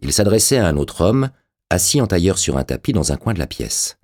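A man reading a dark fantasy audiobook aloud in a measured, dramatic way. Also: deep voice, very animated. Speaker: audiobook narrator. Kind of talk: scripted audiobook narration.

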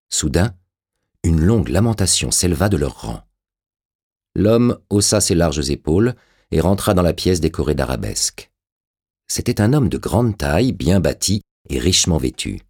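A man reading a dark fantasy audiobook aloud in a measured, dramatic way. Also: a bass voice, husky. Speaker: audiobook narrator. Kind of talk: scripted audiobook narration.

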